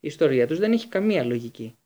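Guy reading an audiobook, expressive, kinda high voice. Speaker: audiobook narrator. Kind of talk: scripted narration.

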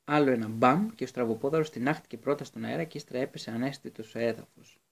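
A man narrating an audiobook in a steady reading voice, with occasional slips and restarts. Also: mid-range voice, gravelly.

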